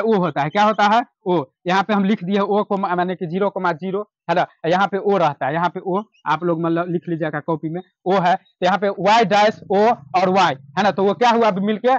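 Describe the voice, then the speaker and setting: A man's voice: sits high, no echo. A man teaches a lesson, posing a question and answering it himself over and over. The sound is dull and lo-fi, close and dry with no room around it. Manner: asks a question then answers it himself, repeating key terms. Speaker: math teacher. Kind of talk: classroom lecture with call-and-response questions.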